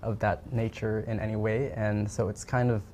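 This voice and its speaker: A man being interviewed, reflecting on personal experiences in measured phrases with pauses mid-thought. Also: on the low side, flat delivery, dark tone. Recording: noticeable ambient background noise.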